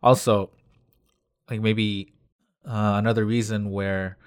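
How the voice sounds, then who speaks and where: A man's voice: lowish voice, flat delivery, slow, no room sound, clean studio sound. A man from Canada co-hosting a casual chat, explaining his views at length with frequent fillers. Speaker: podcast co-host.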